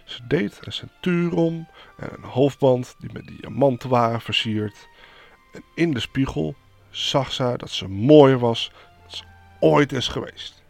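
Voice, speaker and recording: A man's voice: mid-range voice, measured pace, vocal fry, soft background music. A man hosting a podcast, retelling a fairy tale casually with wry, joking asides. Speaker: podcast host, storyteller.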